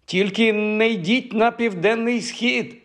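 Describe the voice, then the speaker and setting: A man's voice: high-pitched, very animated, normal speed, darkish tone, pitched above the performer's own voice. A man voicing an anxious, polite young woman who pleads and calls out urgently. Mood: pleading.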